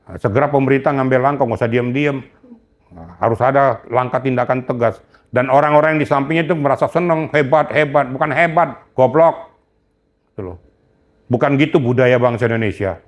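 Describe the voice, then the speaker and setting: A man's voice: mid-range voice, quick pace. Older man, indignant, scolding, emphatic, interview guest. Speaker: retired police general, guest. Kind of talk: heated interview talk.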